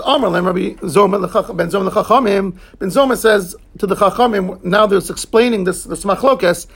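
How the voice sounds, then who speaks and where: A man leads a Talmud class, glossing each term in English and turning to his students between points. His voice sits high and has a gravelly, husky edge. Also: fairly bright tone. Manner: explains terms in English, quick asides to students. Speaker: rabbi teaching Talmud class.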